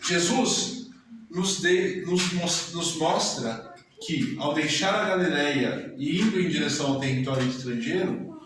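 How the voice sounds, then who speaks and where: A man with a Brazilian Portuguese accent preaching a sermon in a slow, measured way with deliberate pauses. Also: a little high. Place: church hall. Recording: very echoey church from a distance, audible noise.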